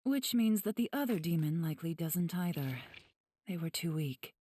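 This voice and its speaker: A woman voices a demon healer in an anime game, calm, gentle and refined. Her fairly low voice is soft and breathy, and she speaks in a measured, formal way with a solemn, calm mood.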